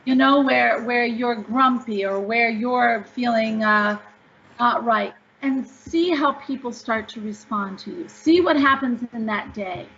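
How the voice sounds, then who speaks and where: A woman's voice: fairly high pitch, unhurried, gravelly, a bit bright. A woman author answering interview questions, upbeat and emphatic as she tells stories. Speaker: author guest. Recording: dull lo-fi audio.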